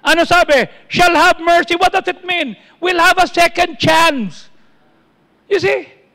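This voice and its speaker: Filipino pastor man preaching, high sharp voice, keeps asking the crowd questions, big echoey church. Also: slow pace. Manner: preaching in mixed Tagalog and English, quoting verses, asking the congregation questions. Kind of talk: sermon. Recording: long church hall reverb.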